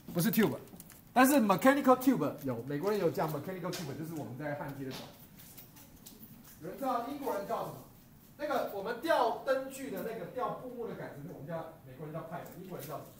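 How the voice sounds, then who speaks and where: A man's voice: fairly high pitch, a bit bright, a little hiss or hum. A middle-aged man teaching a stagecraft class, quizzing his students, cracking jokes and dropping English terms into the lecture.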